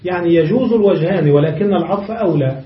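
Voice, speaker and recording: Male teacher, high voice, asks rhetorical questions, dull echoey room, mic at a distance. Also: fast talker. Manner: explains step by step with rhetorical questions. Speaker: Arabic grammar teacher. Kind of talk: classroom grammar lesson.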